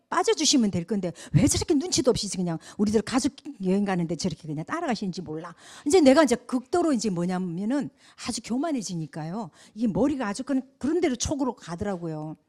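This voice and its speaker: Animated woman pastor telling a story. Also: medium pitch. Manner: animated storytelling, swings from loud exclamations to hushed asides. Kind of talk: testimony sermon.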